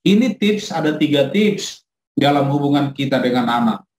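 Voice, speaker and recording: A middle-aged man, a pastor, teaching a parenting class in a lively way and acting out quotes from his child. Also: mid-range voice, moderate pace. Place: church hall. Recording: echoey room.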